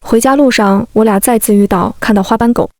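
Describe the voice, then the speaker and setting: Woman, first-person story narration, wry and brisk, somewhat high pitch, dry close sound. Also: darkish tone, no echo.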